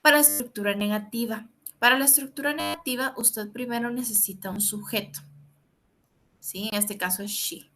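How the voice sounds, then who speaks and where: Woman language teacher, bright tone, patient and repetitive, spells things out. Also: a little high, moderate pace, a little hiss or hum. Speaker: English teacher. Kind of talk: recorded online grammar lesson.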